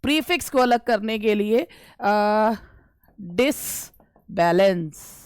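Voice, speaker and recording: A woman teaching an English grammar lesson for exam preparation. She reads questions out slowly, explains them quickly, and answers her own questions, with an Indian accent. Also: mid-range voice, animated, darkish tone, clean tone, no echo.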